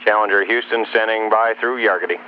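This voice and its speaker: A man's voice: lowish voice, steady tone, brisk. A man, a mission controller, making brief callouts over a crackly ground-to-space radio transmission. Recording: noisy, muffled archival radio link.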